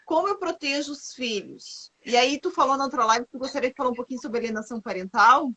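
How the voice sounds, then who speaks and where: A woman's voice: high-pitched, fast talker, bright, forceful tone, breathy edge. A woman co-hosting a live stream, asking long, searching questions. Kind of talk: casual live-stream interview.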